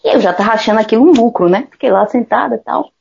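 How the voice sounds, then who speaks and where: Husky woman telling a story. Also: a little high, quick pace. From Salvador, Brazil. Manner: animated, acts out quoted dialogue, swears casually. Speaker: singer. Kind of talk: casual anecdote storytelling. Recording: dull lo-fi recording.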